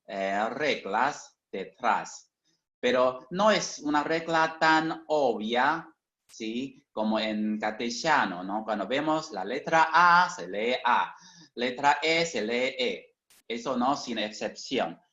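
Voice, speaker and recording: Very slow halting male lecturer, dull sound. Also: medium pitch, fairly bright tone. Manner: constant tag questions, halting and self-correcting. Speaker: teacher. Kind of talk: online lecture. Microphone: video call.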